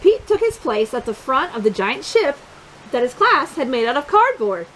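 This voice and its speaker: A woman reading a picture book aloud for young children, expressive and encouraging, pausing to put questions to her listeners. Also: sits high, slight background noise, rough recording. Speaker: children's storytime reader.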